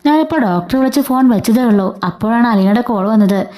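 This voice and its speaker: A woman voicing a worried older male family friend who explains things calmly. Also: on the high side, fairly quick, lightly acted.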